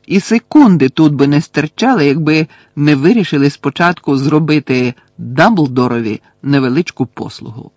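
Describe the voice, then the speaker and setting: A man voicing an unflappable teenage prankster boy who talks calmly and teasingly. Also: on the high side, moderate pace, hardly any pauses, dry recording, clean studio sound.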